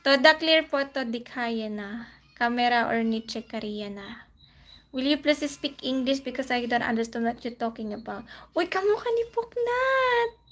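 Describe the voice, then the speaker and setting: A woman's voice: on the high side, unhurried, a bit bright. A woman casually chatting on her live stream, greeting viewers by name and answering their comments with light laughs.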